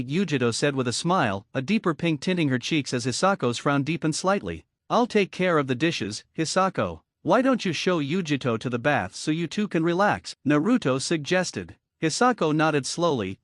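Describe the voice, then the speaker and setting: Lively male story narrator, dry sound. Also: on the high side, no echo. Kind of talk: scripted fan-fiction narration.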